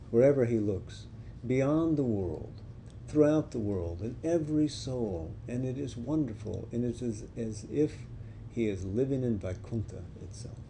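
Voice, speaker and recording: Slow, gravelly storyteller man. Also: lowish voice, mellow, slight background noise. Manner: slow, deliberate, reflective. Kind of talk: spoken devotional storytelling.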